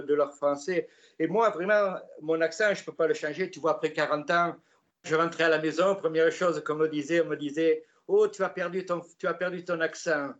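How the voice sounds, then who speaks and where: Older guy w/ gascon french accent, bit high-pitched, rambly interview talk, lots of ums and restarts. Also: dull audio. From Gascony, France. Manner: rambling, many hesitations and restarts. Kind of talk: casual storytelling interview.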